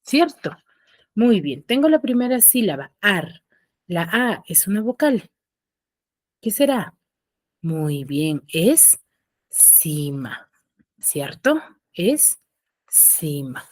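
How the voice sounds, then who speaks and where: Slow, patient woman teacher. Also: big pitch swings, no room sound. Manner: slow, patient, asks and answers her own questions; pitch rises on questions, drops low at ends of phrases. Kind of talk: recorded online class.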